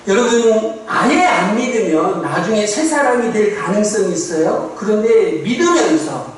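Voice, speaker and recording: A male pastor delivering a Sunday sermon, his pitch swinging up and down as he presses his points. He chats with the congregation through rhetorical questions and asides. He is heard from some distance in a very echoey sanctuary, with a faint hum of room ambience behind him. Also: moderate pace. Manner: lively, conversational preaching with rhetorical questions and asides. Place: church sanctuary. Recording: echoey, distant church recording.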